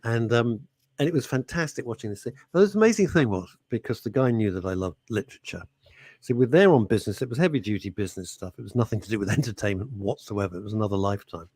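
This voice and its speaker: On a radio talk show, a male co-host tells rambling stories full of laughs and false starts during casual studio chat. He talks fast in a lowish, slightly rough voice, lively as he restarts his tales, and the recording is dry.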